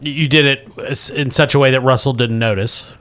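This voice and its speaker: A man's voice: mid-range voice, fairly even intonation, a little fast, fairly bright tone. A man casually narrating a tabletop role-playing game as game master.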